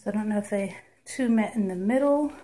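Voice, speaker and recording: A woman slowly narrating a walkthrough of a damp basement, thinking aloud and often clearing her throat. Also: mid-range voice, mellow. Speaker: property inspector. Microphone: phone camera held while walking.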